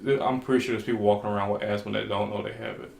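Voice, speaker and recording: A man co-hosting a podcast in casual chat, measured and halting, often searching for words. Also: on the low side, fairly even intonation, gravelly, darkish tone. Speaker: podcast co-host. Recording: echoey room with faint noise.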